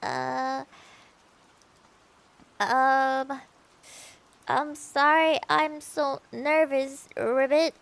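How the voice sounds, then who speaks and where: Woman playing a jittery frog streamer girl, high-voiced, unhurried, tags "ribbit" on every line. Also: little pitch movement, gravelly, a bit bright, exaggerated voice. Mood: nervous, playful. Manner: tacks "ribbit" onto sentences. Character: nervous frog VTuber girl who croaks "ribbit".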